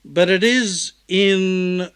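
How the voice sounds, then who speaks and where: A man talks through Bible texts in an unhurried, drawn-out way, in a fairly high voice. His tone is bright and a bit sharp. He is sarcastic and rambling, correcting himself as he goes. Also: clear, resonant tone. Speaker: YouTube vlogger. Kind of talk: casual mocking commentary on Bible texts.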